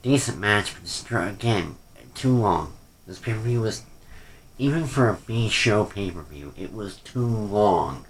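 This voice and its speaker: An unhurried, expressive man with a lowish voice gives an off-the-cuff rant reviewing a wrestling pay-per-view, with slight background noise. He rambles and hesitates, trailing off often, and comes across as critical and unimpressed.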